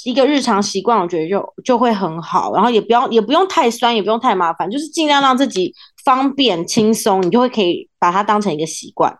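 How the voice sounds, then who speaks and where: A woman with a Taiwanese accent hosting a casual podcast chat in an expressive, playfully teasing way. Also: medium pitch, fast, hardly any pauses. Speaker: podcast host, former radio presenter.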